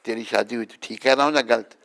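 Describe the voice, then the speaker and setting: A man's voice: mid-range voice, steady tone, fast talker, creaky, fairly bright tone. A man, a swami, giving an informal spiritual talk to devotees, chatty and teasing, often asking if he is right.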